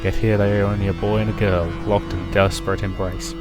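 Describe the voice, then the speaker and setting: Low-voiced man narrating a dark game. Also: flat delivery, brisk, music in the background. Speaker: Let's Play reader. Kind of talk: reading visual novel narration aloud.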